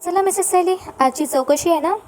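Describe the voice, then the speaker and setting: A firm young male lawyer, matter-of-fact and calm, read out by a woman recapping a serial. The delivery is quick, with a mellow, dark tone. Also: very high voice, a little hiss or hum, pitched above the performer's own voice.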